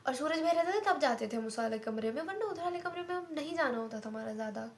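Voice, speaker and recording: A woman's voice: high-pitched, expressive, fast. A young woman telling a personal story in a casual, chatty way, full of fillers and repeats. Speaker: vlogger.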